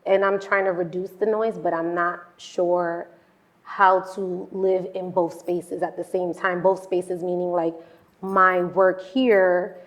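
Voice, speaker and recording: Casual New woman host. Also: fairly low pitch. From Spanish Harlem, New York. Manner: relaxed, quick conversational questions. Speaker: podcast host. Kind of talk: casual interview chat.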